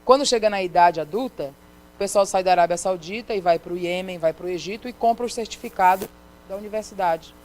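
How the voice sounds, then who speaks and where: A woman's voice: mid-range voice, a little fast, darkish tone, slight background noise, low-quality recording. A middle-aged woman with a Brazilian Portuguese accent, preaching in a church as a missionary and telling a story by acting out the dialogue. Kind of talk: storytelling sermon testimony. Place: church sanctuary.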